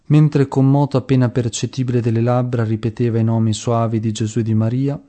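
A man reading the life of a saint aloud in a slow, measured and reverent way. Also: medium pitch, flat delivery, warm tone. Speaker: devotional reader.

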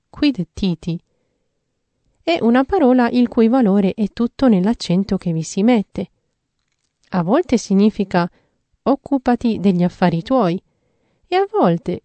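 A woman giving a measured, earnest reading of a devotional theological text. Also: mid-range voice, warm tone, no echo.

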